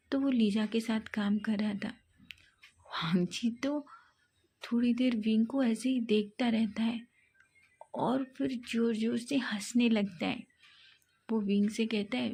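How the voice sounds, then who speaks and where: A woman's voice: a little high, creaky, dark tone, husky. A woman reading a fan fiction love story aloud in a plain storytelling manner.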